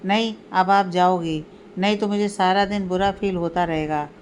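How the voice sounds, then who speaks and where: A woman voicing a lively, teasing young woman who plays the younger sister in a read-aloud family story. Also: lowish voice, moderate pace, slight background noise, close to an everyday voice. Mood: pleading.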